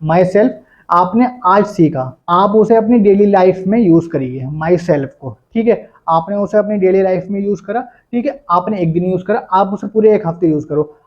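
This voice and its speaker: A man's voice: high voice, moderate pace, darkish tone. A young man from India giving a casual spoken English lesson, repeating a filler after nearly every phrase. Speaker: English teacher. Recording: dull lo-fi sound.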